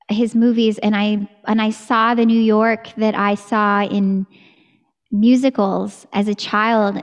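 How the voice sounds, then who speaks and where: An American woman singer in her thirties, chatting enthusiastically in a video-call interview from a room at home on a studio mic. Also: mid-range voice. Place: home room with curtain backdrop. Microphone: studio mic on a boom arm.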